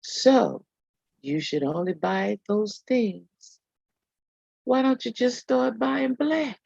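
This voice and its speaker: A woman's voice: on the high side, slow pace, creaky, darkish tone, husky, no echo, muffled recording. A woman co-hosting a casual podcast, emphatic and talking straight to listeners as y'all. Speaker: podcast co-host.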